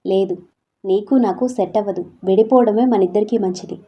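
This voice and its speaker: A woman's voice: mid-range voice, normal speed, natural voice. A woman voicing a cold, dismissive young husband who speaks curtly and impatiently. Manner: curt, impatient. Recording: slightly dull lo-fi audio.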